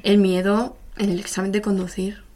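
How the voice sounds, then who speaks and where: A young woman co-hosting a casual podcast, her voice in a middle pitch. She talks in an animated way, acting out small scenes as she goes. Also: normal speed. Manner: animated, acts out little scenes. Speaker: podcast co-host. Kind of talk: casual chat.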